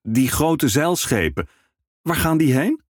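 A man's voice: on the high side, very animated, slow pace, no room sound, studio quality, pitched above the performer's own voice, exaggerated voice. Man doing a young storybook minstrel, curious, hesitant, slightly raised voice. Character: young male wandering minstrel, curious and timid.

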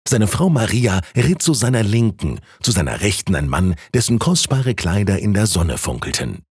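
Expressive husky male storyteller. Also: moderate pace, no room sound, clean studio sound. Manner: expressive storytelling with wide pitch swings. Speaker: narrator. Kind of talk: audiobook story narration.

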